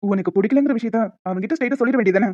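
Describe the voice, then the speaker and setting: A woman's voice: a little high, very fast, warm tone, dry recording, natural voice. A woman voicing a protective young man who questions firmly and reassures in a cartoon. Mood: reassuring. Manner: firm, questioning. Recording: dull lo-fi with music behind.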